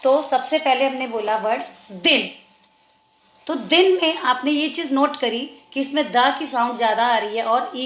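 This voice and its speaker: A woman with an Indian accent teaching a children's Hindi lesson, stretching out each example word slowly and clearly. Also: a little high, echoey room. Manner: slow, drawn-out pronunciation of example words.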